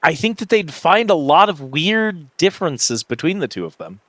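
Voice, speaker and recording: A man's voice: on the high side, sing-song, moderate pace, fairly bright tone, no echo. A man hosting a livestream, chatting casually over a game in a rambling, reflective way and often searching for words. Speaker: livestream host. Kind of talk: casual livestream chat while gaming.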